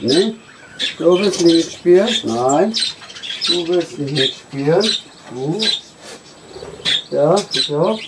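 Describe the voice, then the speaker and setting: Low, slow woman, soothing pet birds, noisy take with chirping behind. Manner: cooing, soothing, repeats short questions. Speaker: bird keeper. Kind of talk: coaxing talk to pet budgies. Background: chirping and squawking budgies.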